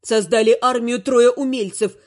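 A woman reading a first-person audiobook in a wry, lively storytelling manner. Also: on the high side, normal speed. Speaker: narrator.

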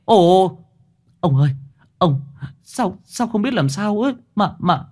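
A man's voice: deep voice, normal speed, sharp tone, pitched below the performer's own voice, exaggerated voice. Man doing a stammering panicked pallbearer. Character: panicked young male pallbearer, straining.

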